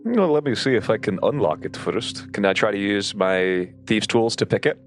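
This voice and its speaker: A man with a fairly low voice plays a tabletop game. He talks casually through his moves and rolls over faint background music. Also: lively intonation, moderate pace.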